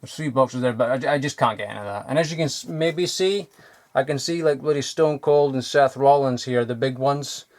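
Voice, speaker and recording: This man's voice is medium-pitched, a little mellow and at normal speed. He's a vlogger poking through a cluttered loft, casually showing off old toys while digressing, using lots of fillers and cursing frequently.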